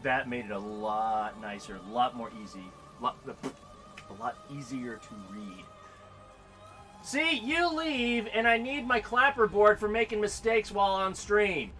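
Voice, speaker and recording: A man chatting on a live game stream, his pitch swinging widely as he jokes and teases. He laughs easily and talks about snacks and the game. Music plays clearly behind him. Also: expressive, a little slow, sharp tone. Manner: playful, joking, laughs often. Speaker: streamer co-host. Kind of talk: casual stream chat.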